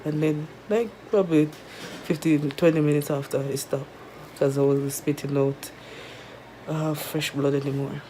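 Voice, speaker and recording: A woman with a Jamaican accent chats casually to viewers in a halting, weary way, her throat sore and mouth dry after tonsil surgery. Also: low voice, fairly even intonation, warm tone, slight background noise. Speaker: vlogger. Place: resting at home in bed.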